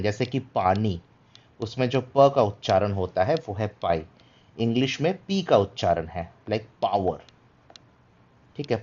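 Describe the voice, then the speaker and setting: A man's voice: fairly low pitch, a little mellow. A man teaching Greek letters in a livestreamed lesson, patiently switching between Hindi and English and checking in often with listeners. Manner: patient, repeats "ठीक है" to check understanding; mixes Hindi with English phrases. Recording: dull lo-fi stream audio.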